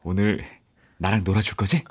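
An actor playing an affectionate young student on army leave in a radio drama, talking in a casual, tender way. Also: male voice, low-pitched, fairly even intonation, moderate pace, slightly rough.

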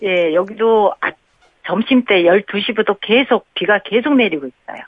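A woman's voice: medium pitch, normal speed, husky, no room sound. Chatty woman caller over a tinny phone line. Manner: chatty, cheerfully tells a family story. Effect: heard over a phone line. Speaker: radio call-in quiz contestant. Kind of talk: casual phone chat on a radio show.

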